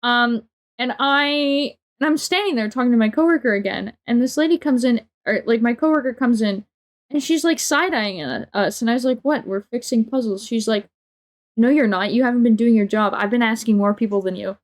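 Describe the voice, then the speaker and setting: A woman's voice: fairly high pitch, a little fast. A young adult woman livestreamer telling a casual, exasperated story with lots of swearing and filler words.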